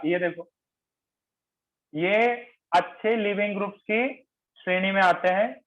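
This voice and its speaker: Slow, higher-voiced teacher quizzing students. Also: male voice, rough recording. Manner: repeats key terms and quizzes students; mixes English phrases into Hindi explanation. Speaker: chemistry teacher. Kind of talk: classroom lecture.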